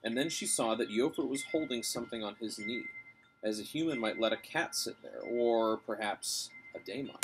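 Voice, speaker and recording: A man in his thirties with a medium-pitched voice reads a children's novel aloud at a normal speed, adding brief asides. He sits on a covered porch outdoors, captured by a camera a short distance away, with clear outdoor ambient noise around him.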